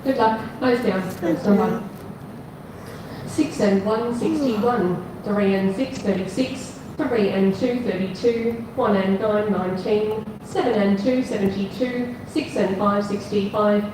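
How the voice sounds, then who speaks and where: A woman working as a bingo caller, announcing numbers digit by digit in a measured, repetitive delivery. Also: medium pitch. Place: large bingo hall. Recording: echoey hall PA, distant, noisy room.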